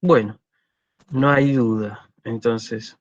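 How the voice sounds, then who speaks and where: Slow-talking Argentine lecturer, man. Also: mid-range voice, steady tone, dry recording, lo-fi sound. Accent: Argentine Spanish. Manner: explanatory, checks understanding with frequent "¿sí?"; slows to spell out Greek forms. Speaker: university lecturer. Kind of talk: online lecture.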